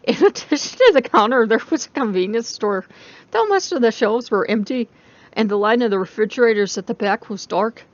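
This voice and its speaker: A woman's voice: fairly high pitch, lively intonation, brisk, no room sound, muffled recording. A woman narrator giving a dramatic reading of a story.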